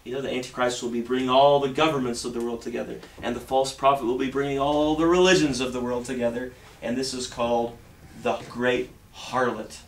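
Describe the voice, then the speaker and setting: A man preaching a sermon earnestly, often pausing on fillers and restarting his sentences. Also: medium pitch, flat delivery. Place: church sanctuary. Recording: echoey church room, mic at a distance.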